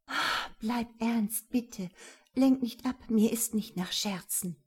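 A woman reading a young noblewoman's lines in an audiobook, urgent and sometimes hushed. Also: a little high, takes it slowly, slightly rough, exaggerated voice. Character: young noblewoman, guarded and clever.

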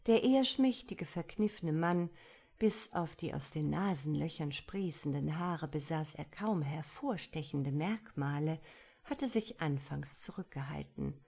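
A woman narrates a story in audiobook style, calm and measured. Her voice sits very low with a husky grain. She takes her time over each sentence.

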